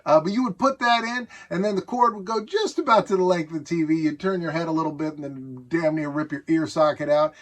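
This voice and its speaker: A middle-aged American man shows off his vintage electronics collection in a casual, nostalgic show-and-tell, enthusiastic and chatty with self-amused asides. His voice runs on the high side, and he talks briskly with hardly any pauses.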